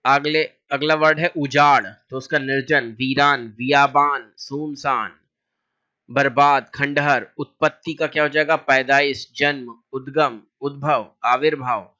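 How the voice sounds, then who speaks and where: A man teaching as a language teacher, reciting lists of synonyms in a steady, drilling way with short asides. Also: medium pitch, unhurried, muffled recording. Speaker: Hindi teacher.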